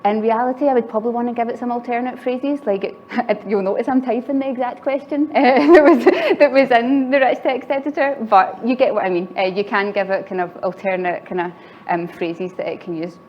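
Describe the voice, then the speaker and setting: A woman gives a chatty tech talk at a conference before a live audience, often laughing lightly between phrases. Her mid-range voice is steady and brisk with hardly any pauses. The recording is slightly muffled with faint background noise.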